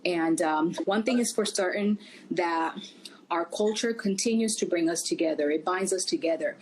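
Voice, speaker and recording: A woman's voice: lowish voice, moderate pace, darkish tone, low-quality recording. A middle-aged woman from Puerto Rico, a guest speaking in a casual interview, conversational and full of "you know" fillers. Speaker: travel company founder, guest. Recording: faint background noise.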